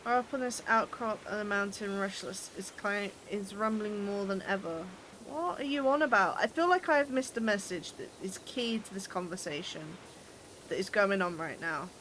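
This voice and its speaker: A woman's voice: mid-range voice, moderate pace, fairly bright tone, slight background noise. A British woman in her twenties, chatting casually with her chat while playing a game. She teases people, laughs often and trips over her words. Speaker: game streamer.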